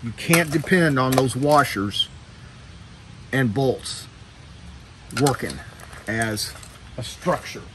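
Working beneath a boat's hull in a boatyard, this middle-aged man explains his repair in a plain, hands-on, casual way. He has a mid-range, animated voice, speaks slowly with frequent pauses, and there's background noise.

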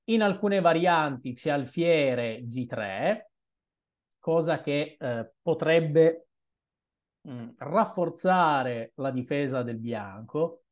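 Slow-talking man musing over moves. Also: a little high, expressive, highs cut off. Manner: unhurried, musing, hesitant asides. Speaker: chess streamer. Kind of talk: thinking-aloud game commentary.

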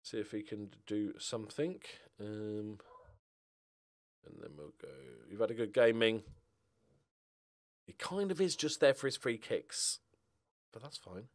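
Speaking fairly low, a little slowly and with long pauses, a middle-aged British man streams a football management game. He thinks out loud in a casual, rambling, jokey way, moving between muttering and exclaiming.

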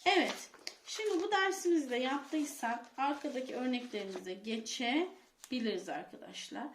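A woman with a high voice teaches a class of children, asking quiz questions and stressing each rule twice. Her voice rings in an echoey room. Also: normal speed, a little hiss or hum. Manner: addresses pupils as friends, repeats key points, asks quiz questions.

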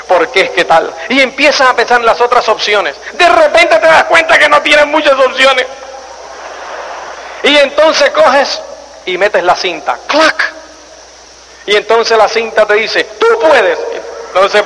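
Bright high-voiced man speaking in a hall. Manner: animated storyteller, acts out scenes and asks the audience rhetorical questions. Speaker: motivational speaker. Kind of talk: live seminar talk to an audience. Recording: reverberant hall with faint noise.

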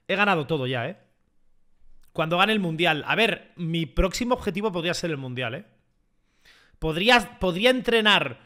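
Excitable Spanish streamer man with bright voice. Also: sits high. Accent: Spain Spanish. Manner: excitable, crude, shouts at the game. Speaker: gaming streamer. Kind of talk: live gameplay commentary to chat.

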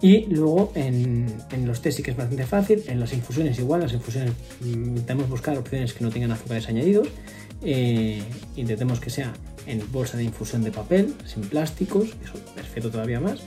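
A man in his thirties explains food choices on his home webcam, warm and mellow in tone. He pauses on fillers and restarts words mid-thought. Faint music plays softly behind him. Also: mid-range voice, animated. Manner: explains step by step, frequent fillers and self-corrections. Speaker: nutrition vlogger. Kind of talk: casual explanatory vlog. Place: home room with wooden ceiling, indoors.

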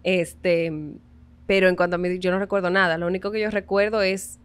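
A woman's voice: fairly low pitch, brisk, smooth. Earnest young Dominican woman telling stories. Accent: Dominican Spanish. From Dominican Republic. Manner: animated and earnest, laughs often. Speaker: guest violinist. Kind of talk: casual interview storytelling.

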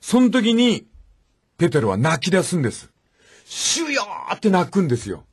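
Brief: male radio host, husky, very lively storyteller voice. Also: high voice, a little fast. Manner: acts out the voices in the stories he retells. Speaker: radio talk show host. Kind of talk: animated storytelling commentary.

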